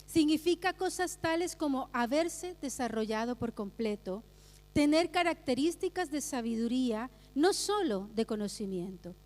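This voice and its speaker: Lady pastor preaching in church, high voice, tells stories, repeats stuff for emphasis, lots of reverb. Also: lively intonation, normal speed, darkish tone. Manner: personal storytelling, repeats phrases for emphasis. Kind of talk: sermon. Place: church sanctuary.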